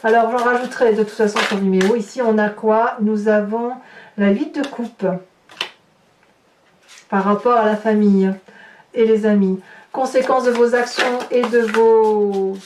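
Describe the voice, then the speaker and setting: Speaking a little slowly in a steady, slightly mellow voice on the high side, a woman who hosts tarot and horoscope content gives viewers an improvised reading. She chats about the cards as she flips them and tacks small interjections onto her phrases, recorded in an echoey room on a distant mic with faint noise.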